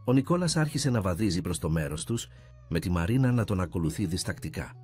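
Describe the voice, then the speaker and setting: Male narrator for a dramatic scripted story, low husky voice, very lively intonation. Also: faint music behind.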